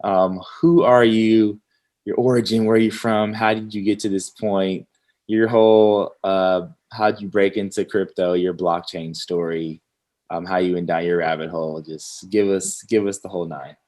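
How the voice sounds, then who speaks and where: A man's voice: sits low, fairly even intonation, normal speed, darkish tone. A man hosting a casual crypto interview podcast, upbeat and full of slang. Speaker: podcast host. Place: Houston.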